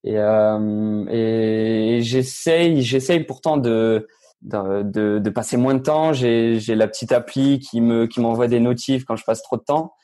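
A teenage tennis player answers interview questions casually in an unhurried, mellow, mid-range voice. He's hesitant, with many fillers and restarts.

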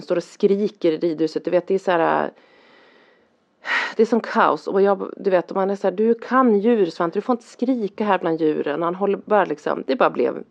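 A woman's voice: on the low side, creaky. A middle-aged woman, a parent, chatting casually and rambling through a story, acting out the lines people said. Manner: rambling, animated, acts out quoted lines. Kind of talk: casual chat. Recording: dull lo-fi sound.

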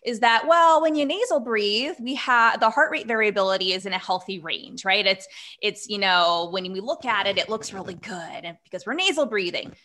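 A woman's voice: mid-range voice, moderate pace, bright, forceful tone. A woman guest expert explaining earnestly in casual conversation, with frequent fillers.

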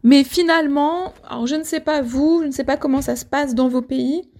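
A woman's voice: sits high, moderate pace, darkish tone. A woman from France teaching a language lesson, patient and explanatory, often checking in with the learners. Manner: patient, repeats words, checks with "ok?". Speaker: French teacher.

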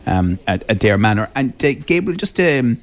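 A man's voice: mid-range voice, sing-song, moderate pace, dry recording. An Irish man presenting live radio in a conversational style, introducing and interviewing guests.

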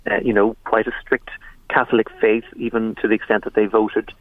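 A man's voice: lowish voice, level tone, a little fast, no room sound, narrow, tinny audio. A man with an Irish accent from County Monaghan, talking conversationally as a guest in a radio interview. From Monaghan, Ireland. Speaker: documentary presenter being interviewed.

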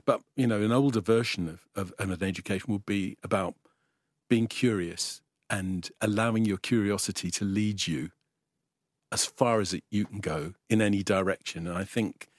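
An older man talks in a low voice, weighing each thought and restarting phrases as he goes. The sound is dry and close, with no room around it. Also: moderate pace, no room sound. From England. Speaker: guest professor. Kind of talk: reflective conversational interview.

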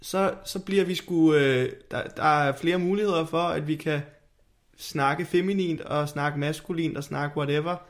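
A man's voice: a little high, steady tone. A man, chatting casually as a podcast co-host. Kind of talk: casual chat.

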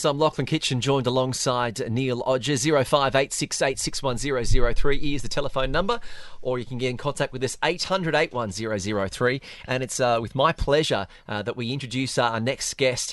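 A man's voice: medium pitch, brisk, fairly bright tone, no room sound. An Australian man hosting a live radio interview, chatty and repeating words as he builds a point. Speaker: sports radio host.

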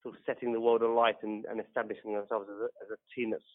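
A man's voice: lowish voice, level tone, fast talker. A man giving unscripted post-match football commentary as a guest, repeating words as he thinks. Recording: tinny, phone-like call.

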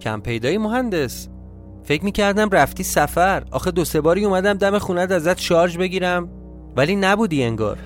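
Polite neighbor, friendly and slightly hushed, voiced by a male narrator in an audio drama with faint music. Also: sits high, expressive, pitched above the performer's own voice. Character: chatty polite apartment neighbor.

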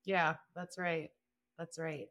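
A woman receiving a psychic reading, answering briefly and softly and easily moved. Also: low voice, little pitch movement, slow pace. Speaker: reading client. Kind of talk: casual chat.

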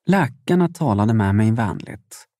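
A man's voice: on the low side, no room sound. Man narrating his memoir, dry studio sound. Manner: steady storytelling with dramatic emphasis. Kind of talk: first-person audiobook narration.

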